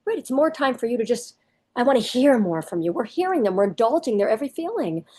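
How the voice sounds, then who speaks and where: A woman with a slightly husky, fairly high voice coaching parents. She talks emphatically and turns straight to the listener as if to a mother in front of her. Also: big pitch swings, fast, dark tone. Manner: emphatic, addresses parents directly. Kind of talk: direct-to-camera parenting advice.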